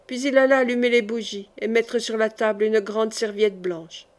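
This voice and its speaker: Woman reading a novel aloud, calm gentle storytelling, kinda high voice. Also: moderate pace. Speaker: audiobook reader. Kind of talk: audiobook narration.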